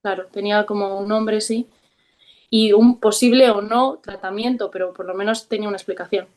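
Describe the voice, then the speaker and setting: A woman with a Spain Spanish accent tells her own story as an interview guest. She speaks frankly and reflectively. She often pauses and hesitates softly as she works through the memory. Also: medium pitch, fairly even intonation. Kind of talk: candid personal storytelling.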